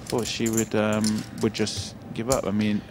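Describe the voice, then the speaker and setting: A man analyses poker hands in a lowish voice, often stopping to hesitate mid-thought. There is faint background noise behind him. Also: monotone, a little slow. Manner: hesitant, many fillers while analysing. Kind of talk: expert poker commentary.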